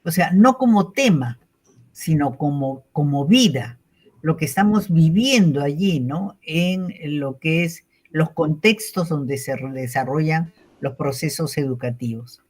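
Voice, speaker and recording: A woman with a Peruvian accent giving an online lecture in a warm, reflective way, often closing phrases with a questioning tag. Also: low-pitched, lively intonation, unhurried, slightly rough. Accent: Peruvian Spanish, from Callao. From Peru. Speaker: invited lecturer. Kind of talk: online conference talk.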